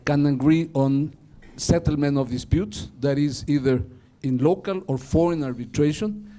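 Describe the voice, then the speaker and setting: A man's voice: mid-range voice, warm tone. A man from Ecuador, a corporate lawyer, giving a concise, structured panel presentation in English with small slips.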